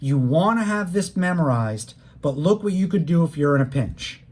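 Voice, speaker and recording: A math instructor with a medium-pitched, expressive, somewhat dark voice delivers a recorded calculus lecture at normal speed. Talking plainly and directly to the students, the instructor goes patiently step by step, leaning on key words.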